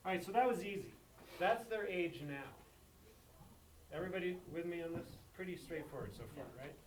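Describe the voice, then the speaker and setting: A man's voice: sits high, expressive, a little fast, slight background noise. A man teaching a math lesson to a class, repeating key points and checking that students follow. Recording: echoey classroom from far off.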